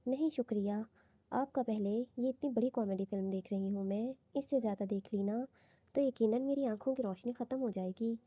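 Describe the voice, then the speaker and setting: A stubborn, sharp-tongued young wife, as a woman reads her, tossing back defiant retorts. The voice is husky and deeply mellow, somewhat high, recorded dry and close. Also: no room sound, lo-fi sound, close to an everyday voice.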